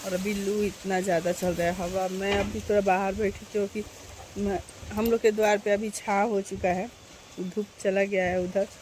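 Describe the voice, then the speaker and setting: A woman in her thirties talks chattily straight to her viewers, her pitch staying level and even. She sits outdoors in the shade by her door, filmed on a phone camera. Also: moderate pace, a little hiss or hum. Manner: chatty, addresses viewers directly. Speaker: vlogger. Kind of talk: casual chat to camera.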